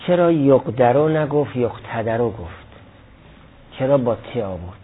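This Arabic grammar class is led by a man whose medium-pitched voice is sing-song with a breathy edge. In lecture style, he works through the material step by step, giving examples and responding to students' questions, heard through lo-fi, phone-like audio.

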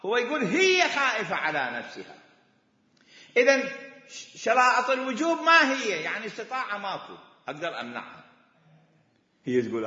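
A lively Iraqi-accented man lectures a class, his pitch jumping around as he drives each point home with repetition. His voice is bright and a little high, and it rings through a large echoey hall on a dull, lo-fi recording. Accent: Iraqi Arabic. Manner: animated, repeats points with emphasis. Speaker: religious law teacher.

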